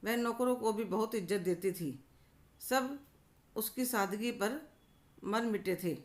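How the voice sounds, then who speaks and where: A woman narrating a scripted family story in a calm, steady manner. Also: on the high side, takes it slowly.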